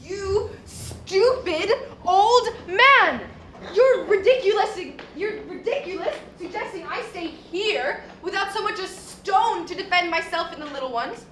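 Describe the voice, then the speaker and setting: A woman's voice: very high voice, animated, normal speed, few pauses. A student actress playing a fierce, protective old grandmother in a school stage play. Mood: scolding. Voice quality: scolding, sharp-tongued. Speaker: student actor. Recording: echoey hall, faint noise.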